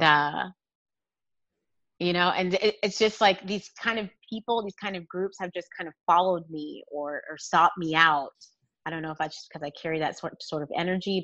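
Female interview guest, very low pitch, candid and halting, on a dry, slightly muffled recording. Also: fairly even intonation, bright, forceful tone, no room sound. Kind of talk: personal testimony in conversation. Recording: dull, lo-fi, close dry sound.

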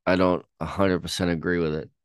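Young male co-host, deep and resonant, halting and laid-back delivery. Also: flat delivery, smooth, no echo. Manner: hesitant, halting, many ums and restarts. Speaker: podcast co-host. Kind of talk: casual chat reacting to songs.

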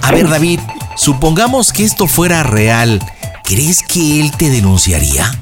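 A radio host joking around as he sets up a prank, with a lively, bouncing voice pitched a little high. He sounds playful and teasing, and music plays faintly behind him. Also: a little slow. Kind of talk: casual radio banter.

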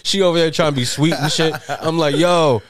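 A man telling a story in casual podcast chat, rapid, profane and full of slang. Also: a little high, steady tone. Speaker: podcast co-host.

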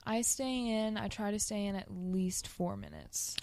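A woman's voice: medium pitch, big pitch swings, unhurried, vocal fry, darkish tone, dry recording. A young woman guest speaking casually in an interview, with hesitant, informal phrasing that tends to trail off. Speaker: podcast guest, ice bath coach.

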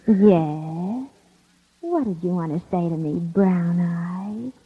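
Slow, cooing seductress. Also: female voice, on the low side. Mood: coy, seductive. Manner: cooing, coaxing. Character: coy, flirtatious, seductive female vacuum cleaner seller. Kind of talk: 1950s radio sitcom acting. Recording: muffled, noisy vintage radio recording.

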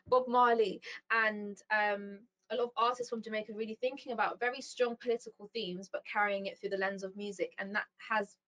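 A woman's voice: mid-range voice, a bit bright, low-quality recording. A young woman guest speaking about her work in a thoughtful, casual way, with many ums and likes. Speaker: founder and CEO, guest. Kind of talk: casual interview chat.

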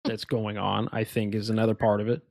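A man's voice: lowish voice, little pitch movement, fairly quick, gravelly, a little mellow, dry recording, clean studio sound. A man co-hosting a casual podcast, talking in a rambling, emphatic way with lots of restarts and asides. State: has the hiccups. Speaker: podcast co-host. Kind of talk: casual conspiracy chat.

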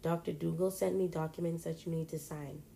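A cordial middle-aged mentor in a suit, read by a woman, speaking formally and courteously. The voice is low and mellow, with faint noise behind it. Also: steady tone, a little fast, creaky.

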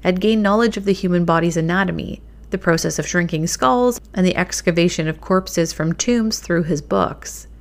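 A woman reading a scripted true crime narration in a measured, suspenseful storytelling manner. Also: fairly low pitch.

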